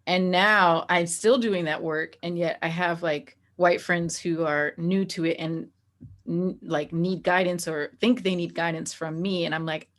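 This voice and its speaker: A woman with a fairly low voice is a guest in a conversational interview, speaking candidly and informally in everyday language. She sounds reflective, keeping a steady tone and an unhurried pace.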